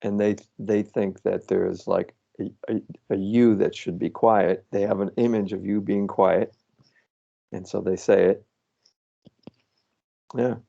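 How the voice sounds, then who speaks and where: A man guiding someone through self-inquiry on a video call, speaking calmly and patiently and thinking aloud. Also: on the low side, a little slow, gravelly, pauses often. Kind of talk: slow reflective coaching on a video call. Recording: muffled lo-fi video call audio.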